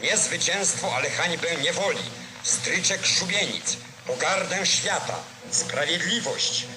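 A man's voice: a little high, expressive, a little slow, low-quality recording. A man narrating a 1940s newsreel in a solemn, declamatory old-style. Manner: solemn, declamatory, formal delivery. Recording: vintage 1940s newsreel soundtrack with music.

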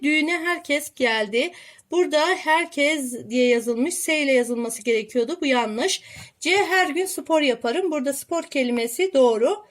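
High-voiced woman solving school test questions. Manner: clear, patient explaining for young children.

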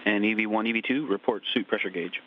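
A man's voice: fairly low pitch, quick pace. A man giving step-by-step procedural instructions over the radio as a spacewalk communicator. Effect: radio transmission. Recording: narrow tinny radio link, music behind.

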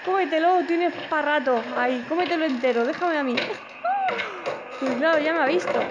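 Excitable high-voiced woman with Spain accent. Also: normal speed, lo-fi sound, noisy background. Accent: Spain Spanish. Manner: excitable, nervous, shrieks and gasps. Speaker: VR game reviewer. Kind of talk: live reaction while playing a VR experience.

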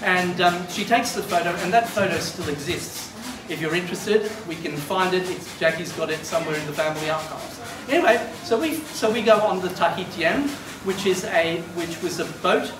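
At a memorial held in a glass-walled room by the beach, a Spanish-speaking Argentine man in his fifties delivers a eulogy as a rambling, animated story, sweeping both hands in broad gestures. His pitch is high, his speed normal, and he pauses little. A far camera picks him up, so the sound is distant, roomy and noisy.

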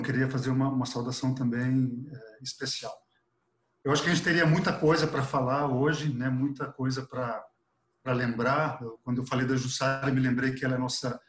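A middle-aged man from Chile, a professor speaking unscripted and earnestly on a video call with a headset, dropping frequent fillers. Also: mid-range voice. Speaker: professor, webinar panelist. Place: office with artwork behind. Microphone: earphone headset on a video call. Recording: echoey room on a video call.

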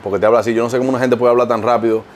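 A man's voice: medium pitch, racing. A Dominican man, an impressionist comedian, telling stories and explaining his craft in a casual interview. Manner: lively storytelling, explains with examples.

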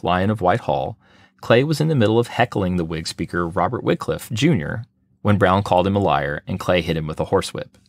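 Man, very deep voice, dry close sound, steady scripted history narration. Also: dry recording. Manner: steady, measured reading. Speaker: library podcast host.

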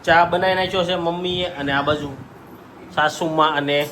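A man's voice: fairly high pitch, steady tone, moderate pace, bright, forceful tone, echoey room, a little hiss or hum. Chatty man vlogging at home. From Gujarat, India. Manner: chatty, talks to viewers as "guys". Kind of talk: casual family vlog chat.

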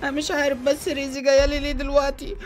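A woman with an Egyptian accent voicing a Roblox story, with panicky, rapid exclamations. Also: sits high, flat delivery, soft background music. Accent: Egyptian Arabic.

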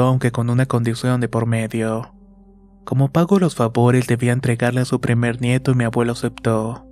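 A man reading a first-person horror story in a slow, measured, scripted narration. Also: mid-range voice, darkish tone. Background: faint music.

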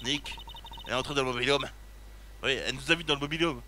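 A man's voice: medium pitch, fairly even intonation, fast, pushed and bright, a little hiss or hum, lightly acted. A man voicing a chatty young girl sidekick who talks in an offhand way.

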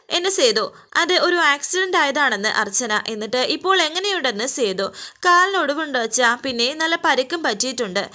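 A woman's voice: sits high, pushed and bright. A woman retelling a serial episode as a story in present tense, reading out the characters' quoted lines as she goes. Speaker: serial episode recap narrator.

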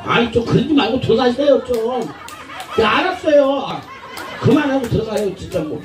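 A man performs a street prank bit, coaxing strangers with brash, laughing banter and plenty of swearing. His voice is high and swings widely in pitch. He is picked up from a distance over the clamor of a busy street crowd. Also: expressive, normal speed. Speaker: street comedian. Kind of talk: street prank comedy with passersby. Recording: echoey outdoor street, crowd noise, distant mic.

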